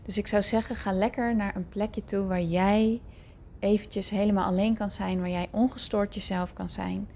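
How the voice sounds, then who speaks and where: A woman's voice: mid-range voice, steady tone, normal speed, creaky, warm tone, slight background noise. A woman hosting a podcast, informally addressing her listeners in an introduction. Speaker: podcast host.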